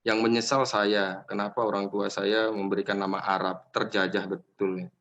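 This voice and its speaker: A man's voice: fairly low pitch, level tone, moderate pace, fairly bright tone, lo-fi sound. A middle-aged man with an Indonesian accent, a university lecturer giving a casual, joking classroom lecture and teasing students by name.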